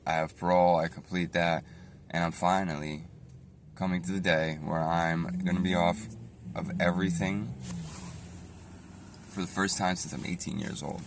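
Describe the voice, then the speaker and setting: Deep-voiced man, rambling storytime. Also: creaky, slight background noise. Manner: rambling, halting, with frequent fillers and self-corrections. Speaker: storyteller recounting his own life. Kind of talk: casual spoken storytime.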